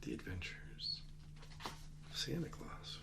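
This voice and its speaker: A man doing a whispered role-play as a librarian, speaking in a hushed, halting, gentle way. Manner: halting, unhurried delivery with gentle explanations. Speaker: ASMR host playing a librarian who shows old books to a visitor. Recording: noticeable background noise and ambience.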